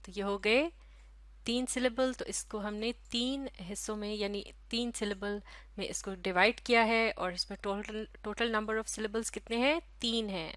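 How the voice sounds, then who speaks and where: A woman teacher giving a recorded lesson, talking slowly and patiently, breaking words into syllables and repeating them. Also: mid-range voice, steady tone, fairly bright tone, no echo. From Pakistan.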